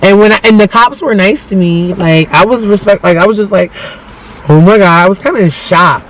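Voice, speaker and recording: High-pitched, animated, slangy storyteller, a man. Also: a little fast, a little hiss or hum, poor audio. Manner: animated, profane, slangy, acts out quoted speech. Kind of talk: casual personal storytelling.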